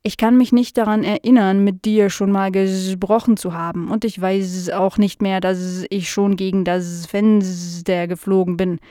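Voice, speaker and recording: A woman voicing a forgetful, slow-witted male house fly who draws out his words, in a children's audio story. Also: mid-range voice, fairly even intonation, mellow, no echo, clean studio sound, close to an everyday voice. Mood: puzzled. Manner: very slow, drawn-out, puzzled.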